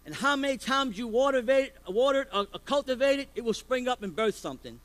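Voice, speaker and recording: A man delivering a sermon with a high-pitched voice. He preaches forcefully and keeps throwing rhetorical questions at the congregation. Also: lively intonation, fairly quick, low-quality recording. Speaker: pastor.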